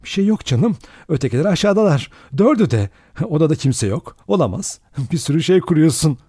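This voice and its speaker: A man voicing a frightened young woman in an audiobook, high and trembling, with shrill cries. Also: unhurried, a little mellow, breathy edge, no echo, clean studio sound. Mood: self-soothing. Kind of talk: audiobook character voice.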